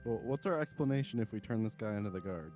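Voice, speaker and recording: A man's voice: lowish voice, expressive, quick pace, dark tone, faint music behind. A man playing a tabletop game, talking bluntly and wryly. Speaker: player.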